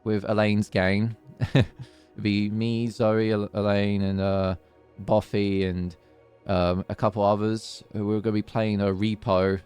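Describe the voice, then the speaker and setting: Clear, fairly low-voiced male streamer. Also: flat delivery, unhurried, darkish tone, faint music behind. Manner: hesitant, rambling. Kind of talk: casual livestream chat.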